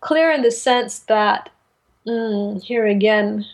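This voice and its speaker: A woman co-hosting a literary discussion, articulate and careful in choosing her words. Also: mid-range voice. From Caribbean. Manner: articulate, deliberate, careful with word choice. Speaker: podcast co-host. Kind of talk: literary discussion, casual chat.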